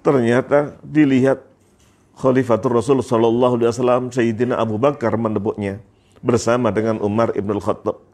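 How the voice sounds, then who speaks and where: A preacher from Indonesia telling a moving story in an emotional sermon, repeating phrases with feeling. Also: male voice, mid-range voice, steady tone, fairly quick, a little mellow. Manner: repetitive, emotive narration with religious phrases.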